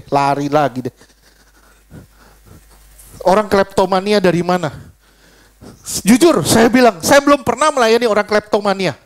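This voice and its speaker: A middle-aged male preacher with a high-pitched voice delivers a lively, informal sermon. He swings between telling stories and throwing questions straight at the people in front of him. His tone stays conversational, even while he preaches. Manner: animated, fires rhetorical questions at the congregation; switches between preaching and storytelling.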